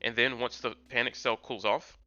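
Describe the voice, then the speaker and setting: With a sore throat stealing his voice, a young man keeps up cheerful chart commentary for chat viewers on his home crypto trading stream. He speaks at a normal speed in a steady, bright, forceful mid-range voice. Faint music sits in the background of the dull lo-fi recording.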